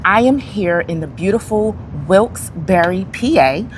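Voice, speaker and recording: A woman's voice: mid-range voice, animated, a little slow, slight background noise. Upbeat woman hosting an interview. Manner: upbeat, eager, many fillers. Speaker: interview host. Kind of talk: casual video interview. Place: outdoors in a city.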